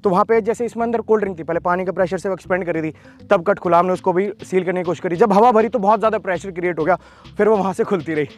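A man's voice: sits high, very fast. A young man hosting an experiment video in an open field, casually explaining and calling out instructions to a helper. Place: open grassy field outdoors.

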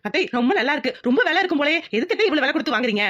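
A woman's voice: high-pitched, expressive, rapid-fire, a bit bright, lo-fi sound. A woman voicing a sly young village daughter-in-law in a cartoon, sweetly polite with muttered asides.

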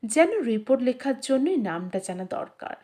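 Reading a literary tale as an audiobook narrator, this slightly high-voiced woman takes a dramatic, expressive approach at a measured pace.

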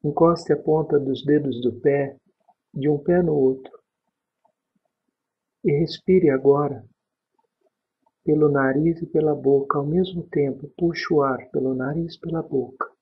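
Speaking at a very slow, unhurried pace, a Brazilian man narrates a guided sleep meditation, offering short, soothing instructions separated by calm gaps. His medium-pitched voice is husky and breathy, and the recording sounds dull and slightly muffled.

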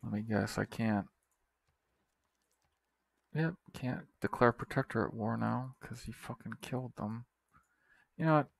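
A man's voice: mid-range voice, steady tone, unhurried, creaky, long pauses, no echo. A man giving casual commentary while playing a strategy game, muttering to himself and swearing in frustration. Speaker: gaming video creator.

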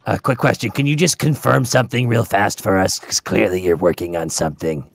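A man's voice: lowish voice, a little fast, creaky. A man playing a tabletop roleplaying game in casual, chatty, sweary in-character banter.

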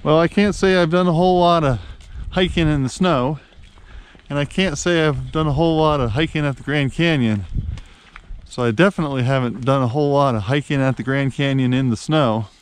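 Dad vlogging outside in the snow on a handheld cam, chatty and playful, a bit of wind noise. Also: male voice, fairly high pitch, brisk. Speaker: family vlog host. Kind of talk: casual family vlog chat. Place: outdoors on a snowy canyon rim trail.

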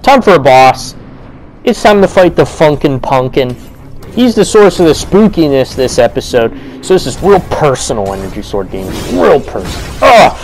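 A young man giving crude, comedic commentary while playing a video game, bursting into shouts and yelps. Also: on the high side, very animated, normal speed, slight background noise, low-quality recording. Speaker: let's play gamer.

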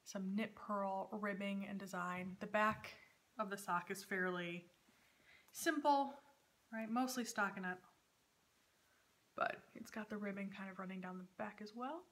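Bright-voiced woman chatting casually. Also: medium pitch, unhurried, long pauses. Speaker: knitting podcast host. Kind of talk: casual chatty vlog talk. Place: dining room at home, indoors.

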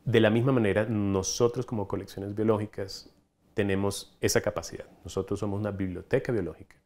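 A man in his forties from Ecuador with a coastal Ecuadorian accent, telling stories with animated enthusiasm in a documentary interview, recorded on a lapel mic in a room lined with specimen cabinets. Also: fairly low pitch, fairly quick. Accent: Ecuadorian coastal Spanish. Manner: animated, enthusiastic storytelling with hand gestures. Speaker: entomologist, collections coordinator.

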